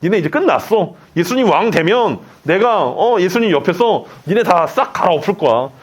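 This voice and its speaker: A man's voice: high-pitched, animated, moderate pace, slightly rough. A guy playing resentful followers, bragging and grumbling. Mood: boastful. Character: resentful band of male followers, scheming.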